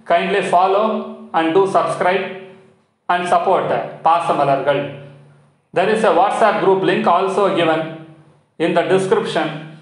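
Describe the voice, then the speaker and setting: A man with an Indian English accent teaching a vocabulary lesson, repeating each word pair in a steady drill. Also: sits high, measured pace, pauses often. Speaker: Hindi teacher. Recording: very echoey room.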